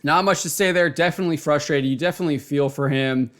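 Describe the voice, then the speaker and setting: A man hosting a casual race recap video. He talks excitably, chuckles often and repeats words. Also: fairly high pitch, quick pace, slight background noise. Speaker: racing video host.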